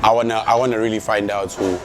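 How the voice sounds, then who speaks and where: A man's voice: on the low side, level tone, fast, a little hiss or hum. A young man hosting a casual interview, hyped and slangy, often repeating himself. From South Africa. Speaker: interview host.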